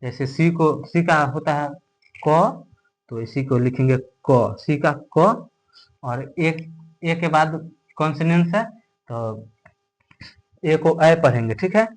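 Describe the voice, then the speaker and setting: A man with a somewhat high voice walks learners through each word at an unhurried, deliberate pace. He asks questions and answers them himself, like a teacher at a board. He stops often to ask "okay?" before moving on. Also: rough recording. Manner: explains step by step, asks and answers his own questions, keeps checking in with "okay?". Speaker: English teacher. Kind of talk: classroom lesson.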